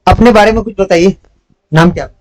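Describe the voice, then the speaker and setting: A young male teacher with a high voice runs a lively commerce lesson. He fires quick questions at the class and answers them himself, dropping English terms into his talk. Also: low-quality recording. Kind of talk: live class lecture.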